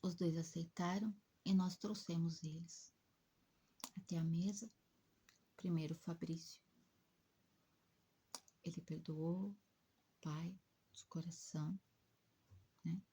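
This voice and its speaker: A woman telling an emotional spiritual story as a spiritist rescue worker, in a hushed, breathy, dramatic way. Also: lowish voice, fairly even intonation, takes it slowly, pauses often, slight background noise.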